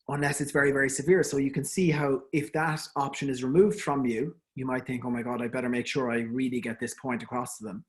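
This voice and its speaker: An Irish man, a dental specialist, gives a conversational online lecture to fellow dentists, with frequent ums and restarts. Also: mid-range voice. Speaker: endodontist giving an online talk. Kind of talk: informal webinar lecture.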